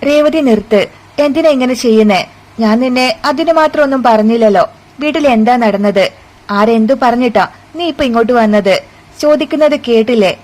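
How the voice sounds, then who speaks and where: A woman's voice: fairly high pitch, normal speed, a little mellow, lightly acted, poor audio. A woman voicing a protective young husband who insistently demands answers. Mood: urgent. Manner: insistent, questioning.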